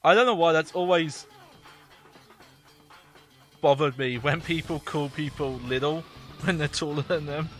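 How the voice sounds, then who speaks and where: A man's voice: fairly high pitch, a little slow, pauses often, a bit bright, soft background music. A man hosting a gaming playthrough, thinking aloud in a rambling, amused, casual way. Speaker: gaming video host.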